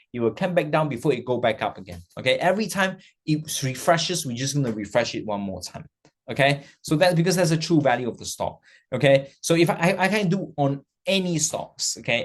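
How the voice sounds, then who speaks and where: A man giving a live-streamed trading lesson, animated and repeating phrases for emphasis as he acts out an anxious investor's worries. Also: on the high side. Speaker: trading mentor.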